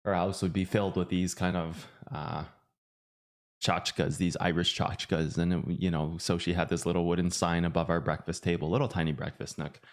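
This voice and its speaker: A man's voice: sits low, level tone, moderate pace. A man who hosts a finance channel, talking in a loose, rambling way with many restarts and fillers. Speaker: finance YouTuber. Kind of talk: casual livestream chat.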